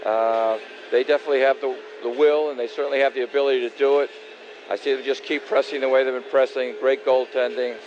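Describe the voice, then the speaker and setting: A man's voice: mid-range voice, level tone, fast talker, a little mellow. An older man in his sixties answers interview questions casually. He is modest and plain-spoken, with a mid-range voice. The recording is slightly dull with faint noise behind it. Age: 60s. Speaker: former college hockey player, interview guest.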